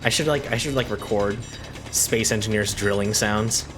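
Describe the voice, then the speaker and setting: A woman's voice: a bass voice, normal speed, over music. A young adult woman streaming a game, chatting casually with a friend, teasing and laughing often. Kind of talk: casual gaming stream chat.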